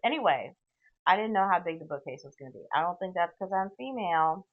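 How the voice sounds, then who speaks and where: A woman's voice: on the low side, expressive, quick pace, phone-quality sound. A woman hosting a podcast, telling a long sardonic story full of tangents and "okay?" asides, recorded on a voice recorder. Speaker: podcast host. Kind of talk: rambling solo storytelling.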